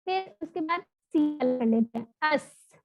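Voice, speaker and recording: A woman teaching an online recitation lesson, explaining patiently and sounding out letters slowly. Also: high-pitched, lively intonation, vocal fry. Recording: dull lo-fi audio.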